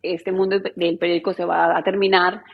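A woman in her thirties from Colombia speaks in a slightly low voice. Her Colombian accent is softened and mixed with neutral Spanish. She talks in a chatty, easygoing way as a journalist guest. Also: flat delivery, moderate pace, gravelly, phone-quality sound. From Medellín, Colombia. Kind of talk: casual interview chat.

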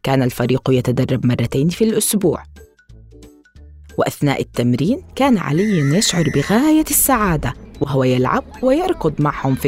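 Woman storybook narrator, low, animated, expressive.

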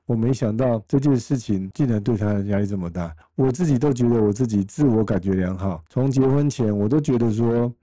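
A middle-aged man tells personal stories as a podcast host, full of animated exclamations. His voice is very dark and mellow, recorded close and completely dry. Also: mid-range voice, brisk, hardly any pauses, no room sound.

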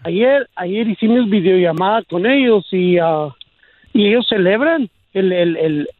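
A man with a strikingly high voice and a northern Mexican Chicano accent tells stories casually. He uses border slang and often repeats himself as he goes. The sound is narrow and dry, like a phone line. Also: lively intonation, unhurried, dry recording. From Naco, on the Sonora-Arizona border. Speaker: radio show caller. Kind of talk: casual chat, telling personal stories.

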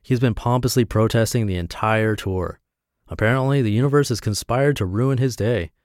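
A man from Montana, reading his reflective essays aloud in a measured, deliberate way. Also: mid-range voice, darkish tone, dry recording, clean studio sound. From Montana, USA.

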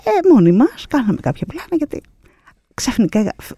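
A woman guest, a producer, telling an anecdote in a lively, expressive way with many fillers and pauses. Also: a little high, breathy edge, dry recording, studio quality. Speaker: producer and artistic director, guest. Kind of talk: animated storytelling anecdote.

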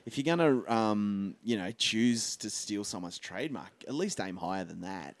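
A man's voice: on the low side, lively intonation, normal speed, no echo. A man hosting a podcast in a casual, rambling, self-deprecating way. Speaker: podcast host.

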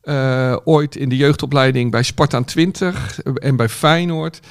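A man talking on a podcast panel in a gravelly, creaky voice. He spins out long stories, full of hesitations and filler sounds. His pitch sits in a middle range. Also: unhurried. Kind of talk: casual chat.

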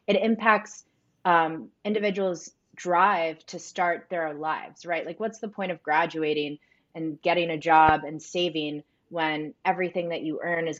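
A deep-voiced woman is heard with the highs cut off. As a co-founder of a U.S. company whose first language is Spanish, she answers interview questions in an earnest, reflective way, leaning on fillers like "um" and "like."

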